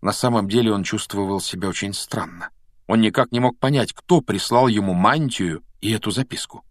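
A man reading an audiobook aloud, with measured, expressive storytelling narration. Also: lowish voice, no echo, clean studio sound. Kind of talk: scripted narration.

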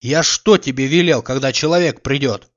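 A man reading an audiobook, voicing a fretful, easily exasperated idle gentleman who scolds in an agitated way. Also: mid-range voice, moderate pace, dull audio, close to an everyday voice.

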